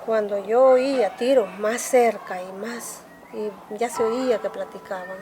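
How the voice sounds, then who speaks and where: A woman's voice: on the high side, fairly even intonation, a little slow. Older woman recounting, music behind. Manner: plain rural storytelling, quoting her own past words. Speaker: survivor giving testimony. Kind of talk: spoken testimony in a documentary.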